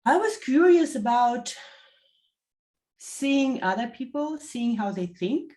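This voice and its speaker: A woman in her thirties from Latvia, giving a reflective testimonial interview and pausing often to find her words. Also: a little high, expressive, a little mellow. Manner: thoughtful, many fillers and self-corrections. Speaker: interview guest, executive assistant.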